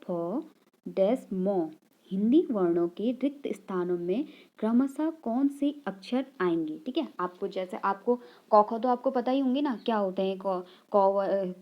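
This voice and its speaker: A woman's voice: mid-range voice, lo-fi sound. A woman teaching an exam-prep grammar lesson, repeating key terms and asking rhetorical questions with frequent "okay" check-ins. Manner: repeats and asks rhetorical questions, "ठीक है" tags.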